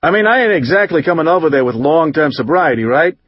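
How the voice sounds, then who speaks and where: A man reading an audiobook, voicing a rough, hot-tempered recovering drinker who rambles in profane street slang. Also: fairly high pitch, lively intonation, quick pace, dry recording, lo-fi sound. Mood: aggrieved. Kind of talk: audiobook narration.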